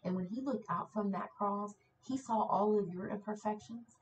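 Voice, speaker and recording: A woman's voice: mid-range voice, moderate pace, muffled recording, a little hiss or hum. A woman leading a ministry, preaching an encouraging sermon to her viewers in fervent, repetitive declarations. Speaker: ministry leader.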